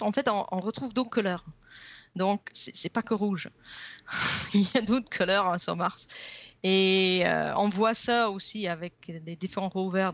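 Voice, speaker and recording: A woman with an English accent, a native English speaker, explaining geology as a guest in a radio interview, pausing often with fillers and restarts. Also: mid-range voice, a bit bright. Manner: hesitant, frequent fillers and restarts.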